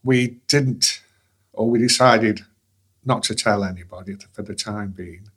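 A man in his sixties with a fairly low voice. He speaks in a measured way and sometimes restarts his sentences while telling his story in an interview. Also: a bit bright, husky. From England. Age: 60s. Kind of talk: conversational interview.

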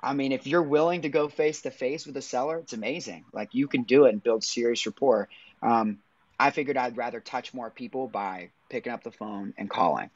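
A man's voice: medium pitch, a little fast. Guy on a kinda muffled feed giving practical tips, chill and chatty. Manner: practical and conversational, frequent "I mean" fillers. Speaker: guest sharing business advice. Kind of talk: casual chat.

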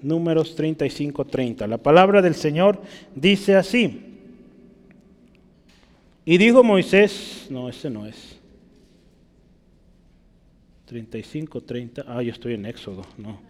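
A pastor giving a conversational sermon, often checking in with his congregation with quick questions. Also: medium pitch, expressive. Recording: reverberant hall.

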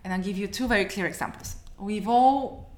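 A Bulgarian woman in her 30s, an activist appearing as an interview guest, answers questions earnestly and passionately in a mid-range voice at a fairly quick pace. She often restarts her phrases and says "you know" a lot. The room is echoey, with faint noise.

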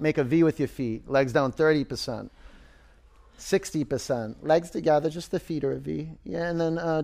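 A man's voice: medium pitch, a little mellow. A man working as a yoga instructor, calling out rep counts and short commands as he leads a vinyasa class.

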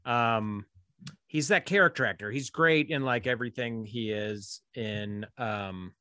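A man chatting casually about movies, enthusiastic and quick to poke fun at himself. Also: mid-range voice, sharp tone, dry recording, studio quality.

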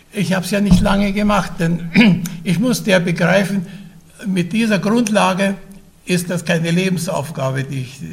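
In this oral history recollection, an older interviewee in his nineties with a high-sitting voice tells of his life. Brought up in Vienna, Austria, and Russian-speaking from childhood, he is hesitant, pausing often, restarting, clearing his throat and using many fillers.

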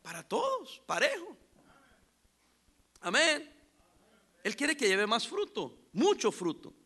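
A man preaching a sermon as pastor, telling stories with acted-out dialogue and loud emphatic bursts. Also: very high-pitched, huge pitch swings, takes it slowly, breathy edge.

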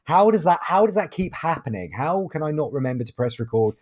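A man's voice: on the high side, big pitch swings, a little fast, darkish tone. A man hosting a podcast in a chatty, self-deprecating, casual way. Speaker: podcast host.

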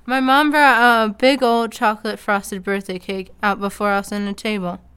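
A woman's voice: mid-range voice, level tone, normal speed, a bit bright, smooth. A woman narrating a comedic story in a casual, sarcastic way. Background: faint background music.

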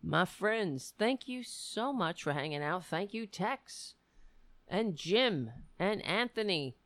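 A woman hosting a live stream, chatting casually and haltingly as if thinking aloud. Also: medium pitch, animated, fairly bright tone, dry recording. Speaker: host of a political live stream. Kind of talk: casual livestream chat.

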